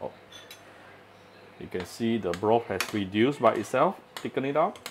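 A man's voice: fairly low pitch, animated, measured pace, slight background noise. A man hosting a casual home cooking demonstration, chatting and explaining as he works, with frequent "uh" fillers. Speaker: home cooking channel host. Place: home kitchen at the stove.

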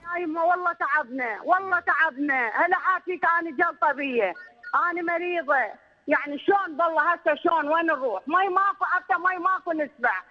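A woman's voice: very high-pitched, quick pace, sharp tone. Weary Baghdadi woman pleading on the phone. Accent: Baghdadi Iraqi Arabic. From Baghdad, Iraq. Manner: weary, pleading, invoking God often. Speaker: caller. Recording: muffled phone line with hall reverb.

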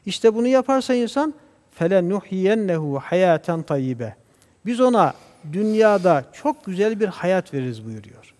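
A man speaking as a guest scholar on a religious TV program, talking in a measured, preacher-like way and reciting Arabic verses. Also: high-pitched, lively intonation, a little mellow, in a large hall. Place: TV studio.

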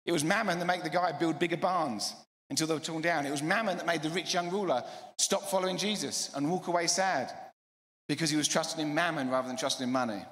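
A middle-aged man preaching a sermon to a church, energetic and emphatic, repeating phrases. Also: on the high side, quick pace. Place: church hall. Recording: echoey church hall.

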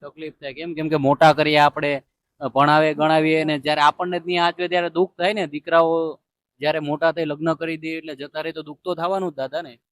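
A man hosting a charity video outdoors by a roadside, interviewing gently and reassuringly and making an earnest appeal to viewers. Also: a little high, little pitch movement, fast talker, no room sound.

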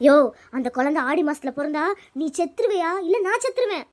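A woman's voice: very high voice, animated, quick pace, darkish tone. A woman voicing a scheming, superstitious mother-in-law in a cartoon, who scolds and gives orders. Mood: defiant. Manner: scolding, commanding. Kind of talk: cartoon voice acting.

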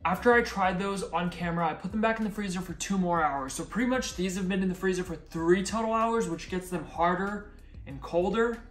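A man's voice: sits high, a little fast, fairly bright tone. A young man chatting upbeat to camera as a food vlogger, talking while he chews. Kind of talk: casual chat to camera. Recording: echoey room with faint music.

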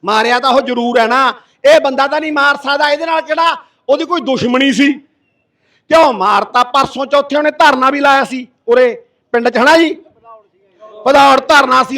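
A middle-aged Punjabi man roars an impassioned protest speech, his voice pitched very high for a man. He speaks from well away from the microphone, so he sounds distant. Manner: impassioned, forceful, roaring. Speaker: activist addressing a protest gathering. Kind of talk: fiery public speech. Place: village protest sit-in. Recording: voice from far off the mic.

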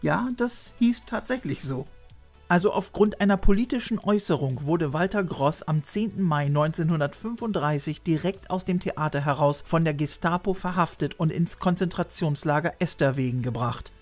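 Using a studio mic on an arm, a man hosts a retro video show in a collectibles-packed room, poking fun at himself and reading his facts casually. He talks at normal speed in a fairly high voice, with faint music behind him.

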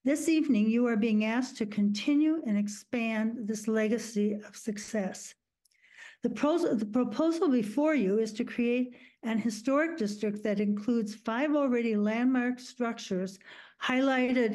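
A woman with a fairly high, mellow voice reads a prepared comment to a council. Her pacing is measured and her tone is formal throughout. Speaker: public commenter.

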